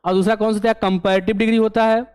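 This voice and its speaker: A man teaching an English grammar lesson for an exam, explaining step by step and often asking if it is clear. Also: high voice, flat delivery, very fast, darkish tone, no echo. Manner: explains step by step, keeps asking "clear?" and answering his own questions.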